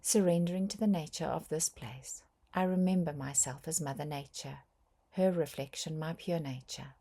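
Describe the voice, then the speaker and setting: This guided meditation is read from a script by a woman with a deep, soft, breathy voice. She paces it gently and carefully, pausing often.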